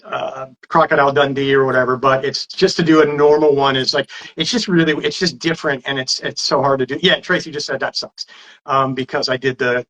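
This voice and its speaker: A man's voice: mid-range voice, a bit bright, rough recording. A man hosting a casual live stream on a phone or webcam, rambling and reading viewer comments aloud.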